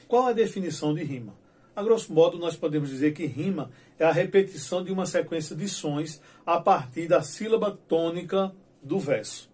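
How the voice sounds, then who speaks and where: A man's voice: on the high side, a little mellow. A man from Brazil teaching cordel poetry in a video lesson, chatting playfully and reciting verses with rising emphasis.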